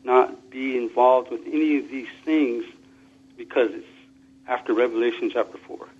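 A man's voice: mid-range voice, steady tone, moderate pace, slight background noise. A man calling in to a talk show over a phone speaker, speaking earnestly and restarting small phrases as he argues his points. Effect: phone speaker line. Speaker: call-in caller. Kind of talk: call-in talk show chat. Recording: muffled lo-fi phone call.

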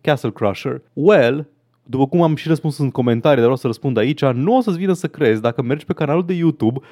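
Relaxed man chatting casually. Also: mid-range voice. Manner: relaxed, reads listener comments aloud. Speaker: podcast co-host. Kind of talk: casual gaming podcast chat.

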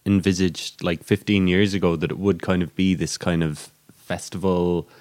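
An Irish man with a fairly low voice, recorded close and dry. He hosts a podcast informally, in loose, hesitant phrases. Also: level tone, normal speed, darkish tone, dry recording. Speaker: podcast host. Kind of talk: casual podcast introduction and interview.

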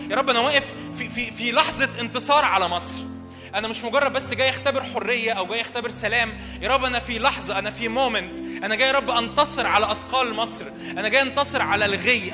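A man with an Egyptian Arabic accent prays fervently in a very high voice, stacking declarations in quick succession. He is a pastor on a handheld mic, and his words ring through a reverberant church hall over worship music. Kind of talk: charismatic prayer sermon.

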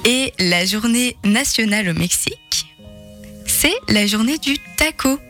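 A woman's voice: fairly high pitch, lively intonation, measured pace, fairly bright tone, soft background music. A young woman with a Belgian French accent co-hosting a radio show, chatty and playful, laughing often. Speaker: radio co-host presenting a daily history segment. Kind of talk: lively radio chat.

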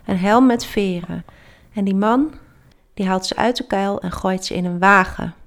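A woman hosting a children's book podcast, chatting with a child and reading aloud with lively expression. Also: mid-range voice, normal speed.

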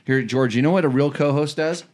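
A man's voice: a little high, fairly quick, a little mellow, slight background noise. Teasing, rambling man ribbing his co-host. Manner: teasing, rambling, stammers and repeats words. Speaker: regular host acting as producer. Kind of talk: casual comedic chat show.

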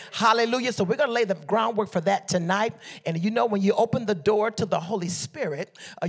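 A man's voice: high-pitched, husky. A middle-aged man from Liberia, preaching a sermon with fervent call-and-response exhortations to the congregation.

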